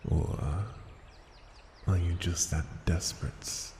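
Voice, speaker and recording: The same teasing dragon-in-human-form character, voiced by a man for ASMR fantasy roleplay, now sits low with a flat, mellow delivery, gravelly and breathy. Taunting and questioning in mood, he draws out condescending phrases into seductive murmurs at a slow, theatrical pace. An echoing hall and ambient noise surround him.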